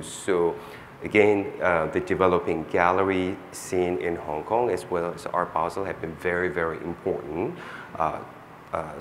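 Male curator type, very deep voice, steady explaining tone, faint background noise. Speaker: museum chief curator on a panel. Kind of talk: panel discussion. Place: stage before an audience.

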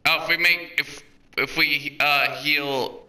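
A man's voice: on the high side, steady tone, slow pace, pushed and bright. A young man giving casual, joking commentary while playing a co-op video game. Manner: joking, playful.

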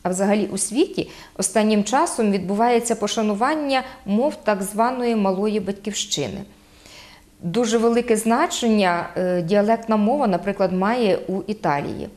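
A woman's voice: medium pitch, a little mellow. Woman explaining dialect with Podillia accent. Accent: Podillia Ukrainian. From Podillia, Ukraine. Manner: hesitant, frequent "e" fillers, spells out sounds slowly. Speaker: guest explaining local dialect.

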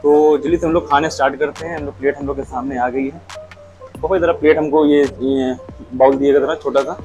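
A man's voice: fairly high pitch, a little fast, soft background music, low-quality recording. A man in his thirties with a Lucknow accent, chatting casually to the camera as he tastes dishes at a restaurant table, on a lapel mic. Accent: Lucknow Hindustani. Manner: relaxed, chatty, describes each dish while eating. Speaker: food vlogger. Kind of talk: casual food review to camera.

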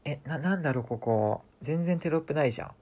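A man with a talks over his own vlog footage in a casual voice-over. His voice is dark and mellow, and he complains in a whiny, exasperated way. Faint music plays behind him. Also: a little high, animated, fast talker. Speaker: vlogger.

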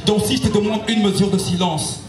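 On an outdoor night concert stage, a man with a high voice shouts a live gospel rap performance into a handheld mic, his tone steady and his pace brisk. His delivery is rhythmic, with call-outs to the crowd. The audio is roomy and distant, with backing music behind him.

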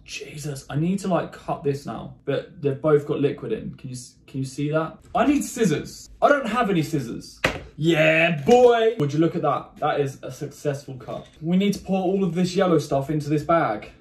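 A young man vlogging in his bedroom as he tries candy, excitable and joking, cursing and exclaiming as he goes. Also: on the high side, moderate pace, few pauses, reverberant, slight background noise. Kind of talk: casual candy-tasting vlog.

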